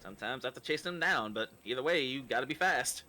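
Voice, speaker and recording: A man voicing a fast-talking, brash newspaper reporter in an attempted old-timey Brooklyn accent. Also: mid-range voice, animated, bright, forceful tone, a little hiss or hum, pitched below the performer's own voice.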